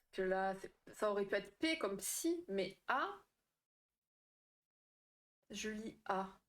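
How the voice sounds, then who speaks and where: On her live stream, a young therapist talks casually with her audience, laughing a lot and responding to comments. She speaks slowly in an animated, medium-pitched voice.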